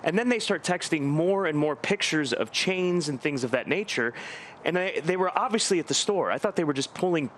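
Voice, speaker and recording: A man's voice: on the high side, expressive, fairly quick, fairly bright tone, a little hiss or hum. A man hosting a live racing broadcast, telling stories about himself with a self-deprecating humor. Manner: joking, self-deprecating storyteller. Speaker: host.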